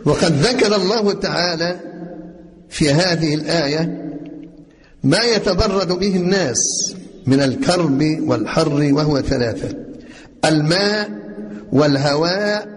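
A man's voice: on the high side, animated, a little slow, pauses often. A man with an Egyptian Arabic accent gives a religious lesson on Quran commentary and quizzes his listeners with rhetorical questions. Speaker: religious teacher. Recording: long reverb, faint noise.

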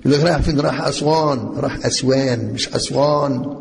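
A man's voice: medium pitch, very fast, creaky, darkish tone. A man with an Egyptian Arabic accent gives a religious lesson on Quran commentary and quizzes his listeners with rhetorical questions. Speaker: religious teacher. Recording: long reverb, faint noise.

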